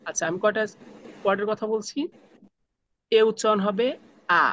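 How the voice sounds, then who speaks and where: A man with a Bangladeshi accent teaching a spoken English class over a video call, drilling pronunciation slowly, sound by sound. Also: high-pitched, fairly even intonation, pushed and bright, a little hiss or hum.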